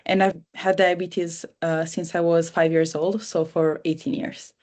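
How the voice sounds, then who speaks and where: A woman in her twenties introducing herself on a webinar panel in a formal, measured way. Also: on the low side, level tone, darkish tone. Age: 20s. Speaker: webinar panelist, doctoral student. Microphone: video call.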